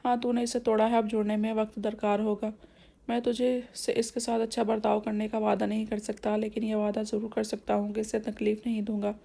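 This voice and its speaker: A woman's voice: mid-range voice, level tone, vocal fry, mellow. A woman reading the part of a possessive young man who speaks firmly and bluntly. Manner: firm, blunt.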